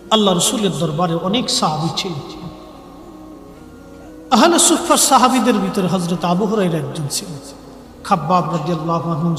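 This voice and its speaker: A man's voice: sits high, a bit bright. A man preaching an impassioned Islamic sermon, emotional and pleading, repeating phrases for emphasis. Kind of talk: impassioned waz sermon to a gathering. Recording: echoey hall with long reverb.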